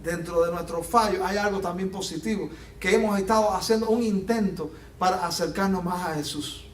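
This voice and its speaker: A man preaching a sermon as pastor, animated and acting out the Bible scenes he tells. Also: high voice, brisk, slight background noise. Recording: echoey room from a distance.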